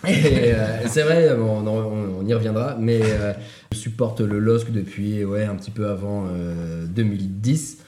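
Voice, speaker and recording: A man's voice: on the low side, fairly even intonation, measured pace, mellow, a little hiss or hum. A man in his thirties from France, a podcast guest chatting casually and hesitantly, with many fillers and restarts. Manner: hesitant, full of "euh" and restarts. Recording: echoey room.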